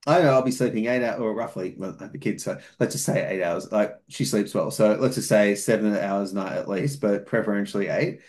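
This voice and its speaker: This fitness coach, not from New Zealand, speaks briskly in a lowish, somewhat mellow voice with hardly any pauses. As a podcast guest in a relaxed conversation, he lays things out methodically and at length, restarting sentences and using fillers.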